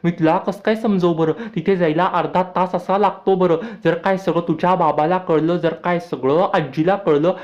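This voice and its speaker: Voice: medium pitch, fairly even intonation, moderate pace, hardly any pauses, a little mellow, natural voice. A recap narrator voices a worried aunt who reasons cautiously. The delivery stays plain and close to the narrating voice. The audio is dull and lo-fi.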